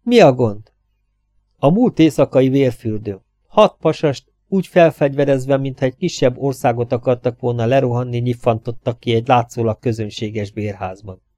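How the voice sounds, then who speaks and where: A harried, fed-up male police captain, as a male narrator reads him. He grumbles his complaints in a weary voice. The recording is dry and close, with a mellow tone. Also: mid-range voice, no room sound, close to an everyday voice. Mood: grumbling.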